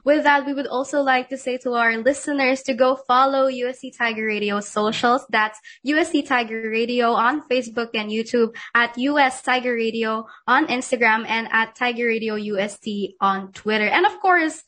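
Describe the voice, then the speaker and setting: A woman's voice: fairly high pitch, normal speed, few pauses, sharp tone. A woman co-host with a Filipino accent, effusively wrapping up a radio interview. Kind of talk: casual interview sign-off.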